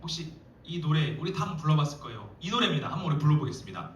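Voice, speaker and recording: A man's voice: a little high, big pitch swings, racing, slight background noise. Man preaching in an echoey church hall. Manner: playful, joking, addresses teens directly. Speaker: youth pastor. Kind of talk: joking youth sermon. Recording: echoey hall, mic far off.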